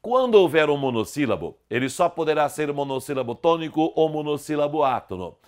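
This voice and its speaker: Smooth-voiced man teaching grammar. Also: on the high side. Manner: didactic, stressing syllables slowly. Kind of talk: online grammar lesson.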